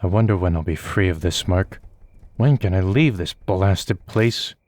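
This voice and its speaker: A man reading a horror visual novel aloud in steady first-person narration. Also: deep voice, measured pace, dry recording. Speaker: let's play host. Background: faint game music.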